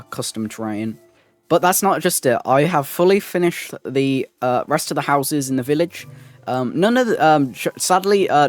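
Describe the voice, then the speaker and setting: Rambling guy narrating gameplay. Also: medium pitch. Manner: rambling, many ums and restarts. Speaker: Minecraft builder and channel host. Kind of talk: gameplay voice-over commentary.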